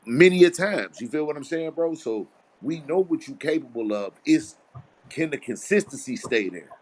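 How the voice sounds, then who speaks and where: A man's voice: on the high side, animated, normal speed, darkish tone. A man hosting a casual podcast, talking with hyped, emphatic slang. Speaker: podcast host.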